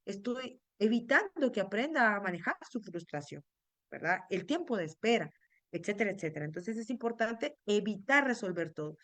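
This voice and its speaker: A neuropsychologist leads an online parenting workshop, explaining earnestly to parents and ending nearly every phrase with a questioning "right?". Her mid-range voice is a bit bright, and the recording is dry.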